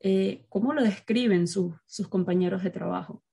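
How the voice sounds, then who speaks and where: A woman from Venezuela interviewing a guest in an emphatic, warm way. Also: mid-range voice, moderate pace, gravelly, breathy edge. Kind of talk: conversational interview.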